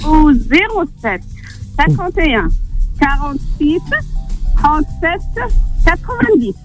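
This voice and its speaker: A woman's voice: sits high, sing-song, slow, soft background music, low-quality recording. A woman phoning in to a radio show, chatting casually about a small ad in a cheerful, smiling voice. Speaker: radio phone-in caller. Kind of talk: casual chat, reading out a small ad.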